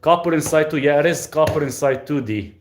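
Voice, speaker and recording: Somewhat high-voiced and a little quick, a man from Lebanon hosts a live stream from his rural home. He relaxedly reads viewers' comments aloud and rambles through his answers, with a faint hiss or hum in the audio.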